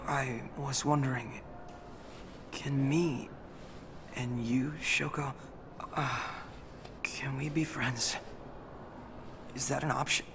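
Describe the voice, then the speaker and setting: Slow, hesitant, nervous teenage boy. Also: mid-range voice, fairly even intonation, background noise. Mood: nervous, hopeful. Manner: jittery, hesitant. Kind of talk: English anime film dub.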